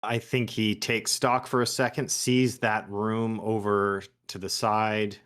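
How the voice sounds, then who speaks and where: Male game player with a low voice, casually describing his character's actions. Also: level tone, slow, a bit bright, smooth.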